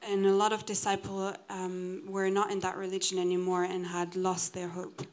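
A woman's voice: lowish voice, completely flat delivery, normal speed. A woman giving a live English translation of a sermon, phrase by phrase, with fillers and restarts. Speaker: interpreter.

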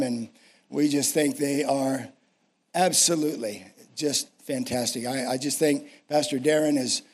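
Higher-voiced American preacher in his sixties. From United States. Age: 60s. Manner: emphatic, repeats phrases for effect. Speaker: senior pastor, guest preacher. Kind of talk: sermon. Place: speaking to a church congregation.

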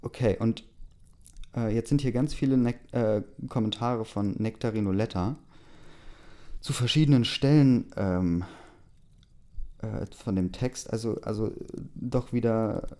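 A man's voice: on the low side, unhurried, long pauses, warm tone. A man casually reading a story aloud, hesitant, with many fillers. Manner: hesitant, many fillers, laughs between lines. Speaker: story reader.

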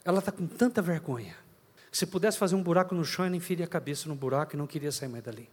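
A man voicing an accusing inner voice of guilt, speaking quietly and with reproach. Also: fairly high pitch, animated, rapid-fire, long reverb tail, voice pushed down. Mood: reproachful.

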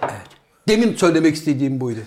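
A man's voice: on the high side, very animated, rapid-fire, a little mellow. An older man hosting a comedic talk show, with a theatrical, playfully exaggerated delivery. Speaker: show host. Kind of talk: comedic casual chat.

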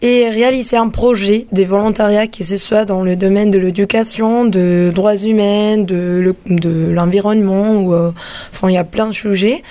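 A woman from Spain, speaking French as a guest on a radio show. She explains things hesitantly, pausing on fillers. Her voice is mellow and warm, with a middle pitch. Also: fairly even intonation. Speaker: guest, European volunteer. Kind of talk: radio interview answers.

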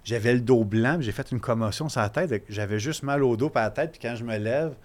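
A young man with a Quebec French accent, a podcast guest telling a story in an animated way and swearing casually. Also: medium pitch, quick pace.

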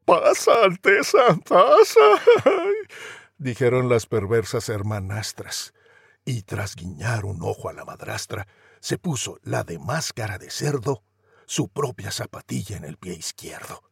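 A man's voice: on the low side, measured pace, gravelly, slightly rough, dry recording, studio quality. A man, a professional voice actor, reading a rhyming story in a theatrical, comic way.

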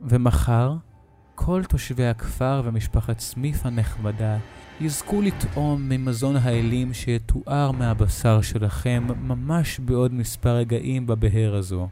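A sinister old village elder in a horror story, unhurried and quietly menacing, put on by a man. His voice sits dark and mellow and never rises. Faint music plays beneath him. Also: medium pitch, lightly acted. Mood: slow gloating. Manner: slow, soft, unhurried menace.

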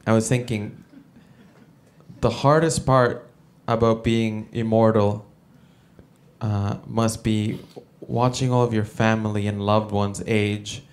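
A man from El Salvador doing a stand-up comedy set, with a halting delivery full of fillers and restarts. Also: on the low side, fairly even intonation. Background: audience laughter.

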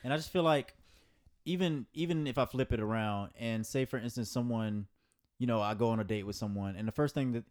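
A man's voice: medium pitch, a little fast, a little mellow. A man co-hosting a casual chat, blunt and emphatic, swearing freely.

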